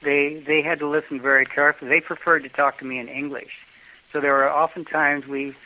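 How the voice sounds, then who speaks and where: An older American man, a travel guest in a casual interview, rambles through travel stories with many fillers and restarts. His slightly high voice is flat and fairly quick, captured in dull lo-fi podcast audio.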